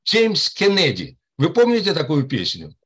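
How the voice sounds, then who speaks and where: A man's voice: on the high side, wildly swooping pitch, normal speed, a bit bright, husky. A man in his eighties on a video call from home, rambling with many restarts and hesitations. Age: 80s. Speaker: club member commenting. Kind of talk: casual chat on a video call. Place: room at home. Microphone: webcam on a video call.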